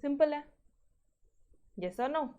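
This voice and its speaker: Teaching maths in a mix of Hindi and English terms, this woman keeps checking in with her class and firmly tells them to practise. She has a high, dark-toned voice with lively intonation and stretched-out words.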